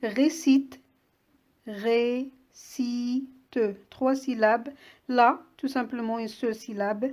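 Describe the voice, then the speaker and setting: Woman teacher talking to little kids, slow and careful, a bit high voice, spells words out. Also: fairly even intonation, darkish tone. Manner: patient, clearly spelled-out words for young children. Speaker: primary school teacher. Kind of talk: slow classroom lesson read-aloud.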